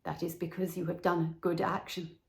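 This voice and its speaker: A woman voicing a sad, gentle prince in a storybook, with soft, tender, pleading speech. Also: on the low side, flat delivery, a little fast, creaky, voice pushed down.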